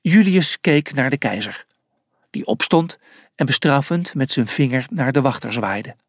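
A man slowly reading a children's storybook aloud in an expressive way, with a husky voice. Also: medium pitch, no echo, studio quality. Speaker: narrator.

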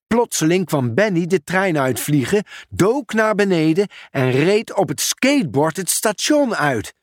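A man reading a children's story aloud in an expressive, unhurried manner. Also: a little high, no echo, clean studio sound. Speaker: narrator. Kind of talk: storybook read-aloud narration.

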